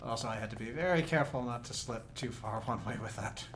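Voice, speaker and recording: Quiet, low-key game streamer. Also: quick pace, music in the background. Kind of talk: casual livestream commentary.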